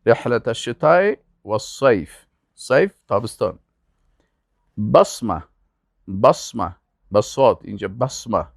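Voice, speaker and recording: An older man with an Afghan Dari accent, teaching an Arabic lesson and patiently repeating words slowly for pronunciation. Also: medium pitch, very animated, gravelly, no echo, studio quality. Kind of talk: language lesson.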